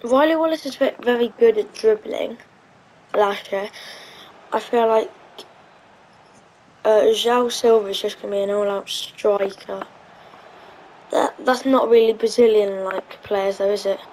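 A woman's voice: mid-range voice, steady tone, a little slow, pauses often, a little mellow, a little hiss or hum, low-quality recording. A woman giving casual, hesitant commentary on her own gameplay, thinking aloud with lots of ums. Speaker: gaming channel host.

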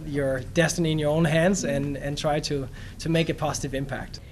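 A man in his thirties from Denmark talks about training entrepreneurs, earnest and pausing often with fillers. His voice sits a little high. Steady background noise from a large conference hall sits behind him. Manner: earnest, with frequent filler pauses. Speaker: startup trainer. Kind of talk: on-location interview. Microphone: handheld microphone.

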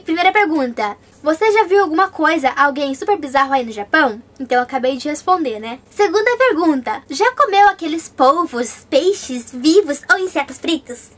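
High-voiced chatty young Brazilian woman vlogger. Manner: chatty, reads viewer comments aloud then answers. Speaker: vlogger answering viewer questions. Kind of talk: casual Q&A vlog.

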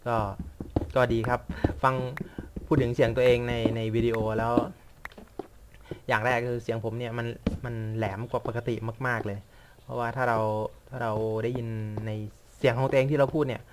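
A young man, a gaming vlogger, chats casually and rambles as he plays a game, poking fun at himself and muttering about what happens on screen. His mid-range voice shows little pitch movement at a moderate pace, and the background is noisy.

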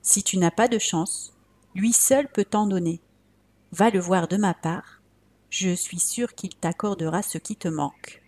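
Woman doing a solemn, emphatic old hermit, husky-voiced. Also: mid-range voice, measured pace, a little mellow, close to an everyday voice.

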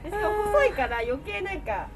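A woman's voice: very high voice, big pitch swings, moderate pace, a loud crowd. A young woman, an idol group member, chatting casually, teasing and laughing often. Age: young adult. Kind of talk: casual chat. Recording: clear background noise.

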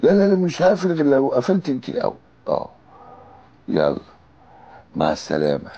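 A man's voice: medium pitch, huge pitch swings, brisk, gravelly, dark tone, lo-fi sound, exaggerated voice. An actor in his sixties playing a lovestruck, sentimental older man with an Egyptian accent, tender and coy on a late-night call to his sweetheart in a TV drama. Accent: Egyptian Arabic. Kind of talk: naturalistic TV drama dialogue.

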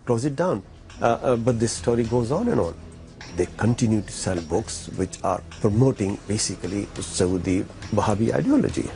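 A man with a low, gravelly, dark voice speaks emphatically in an interview. He pauses on hesitant fillers, and faint music sits under his voice. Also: expressive.

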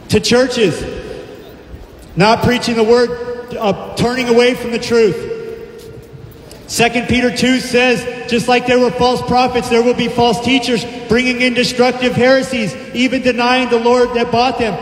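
A middle-aged man preaching a street sermon in a park through a handheld microphone and loudspeaker, declaiming scripture emphatically. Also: very high-pitched, slight background noise. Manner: emphatic, declaiming scripture with frequent praise interjections. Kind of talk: open-air street sermon. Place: outdoor park by palm trees. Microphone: handheld microphone through a loudspeaker, far camera. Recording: echoey amplified sound outdoors with hall-like reverb.

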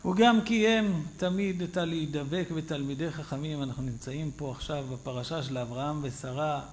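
A male rabbi giving a sermon, telling stories in an animated, conversational way. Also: on the high side, slight background noise. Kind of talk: sermon storytelling. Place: synagogue.

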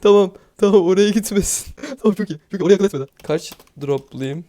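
A young man giving casual, excitable commentary over his gameplay, swearing often and laughing nervously. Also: high voice, fast. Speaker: gaming YouTuber.

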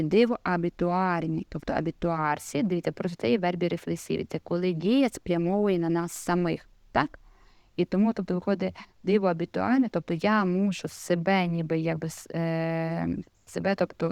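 A woman teaching an Italian lesson, explaining slowly, with many fillers and repeated examples. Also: fairly low pitch, vocal fry, a little mellow, no room sound. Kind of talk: casual video lesson.

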